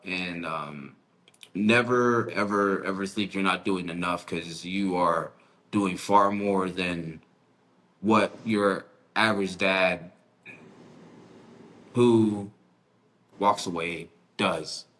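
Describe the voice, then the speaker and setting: Low voiced guy hosting a podcast, laid back and slangy, keeps restarting himself. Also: fairly bright tone. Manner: repeats words and restarts, slangy. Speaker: podcast host. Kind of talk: casual interview chat.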